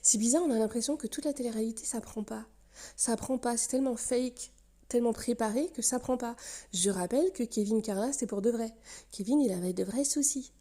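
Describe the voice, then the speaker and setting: A woman's voice: fairly high pitch, brisk, warm tone. A woman giving casual, teasing gossip commentary, dropping into whispers for asides.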